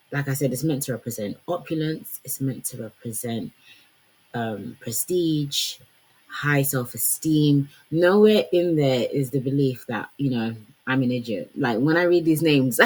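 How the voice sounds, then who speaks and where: Woman with a husky, conversational voice. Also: a bass voice, low-quality recording. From Congolese heritage. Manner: conversational, lots of fillers like "like" and "you know". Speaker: fashion commentator. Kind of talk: casual commentary to camera.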